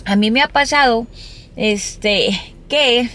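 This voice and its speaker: A woman's voice: on the high side, slow pace, a bit bright, a little hiss or hum. A woman chatting casually to her viewers in a vlog, talkative and full of exclamations. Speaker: vlogger. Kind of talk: casual vlog chat to camera.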